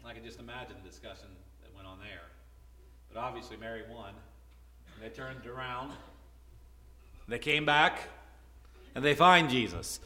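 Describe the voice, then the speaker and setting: A man preaching a conversational sermon, retelling a Bible story with soft asides and loud, emphatic peaks. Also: medium pitch, normal speed, long pauses. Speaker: pastor.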